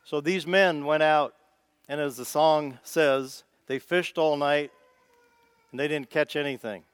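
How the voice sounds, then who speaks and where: His voice is fairly high-pitched and smooth, and he speaks unhurriedly in a dry recording. He's a Midwestern preacher giving a casual, folksy sermon, conversational in manner, thinking aloud and making small restarts.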